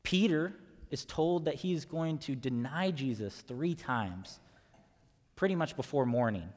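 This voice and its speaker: A man's voice: fairly high pitch, lively intonation, unhurried, a little mellow. A man, a pastor, giving a casual, conversational sermon with playful asides and light humor. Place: church sanctuary. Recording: long reverb of a large hall.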